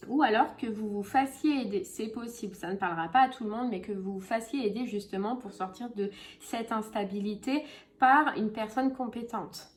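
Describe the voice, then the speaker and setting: A woman's voice: a little high, moderate pace, a little hiss or hum. A woman giving a casual tarot reading, chatty and full of fillers and repeated phrases. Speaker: tarot reader.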